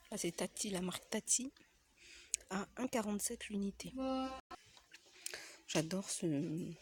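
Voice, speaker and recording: Soft-spoken woman with a cold. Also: mid-range voice, slight background noise. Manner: soft-spoken, often near a whisper. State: has a cold. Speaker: home decor vlogger. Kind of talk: store walkthrough vlog. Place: inside a large home goods store.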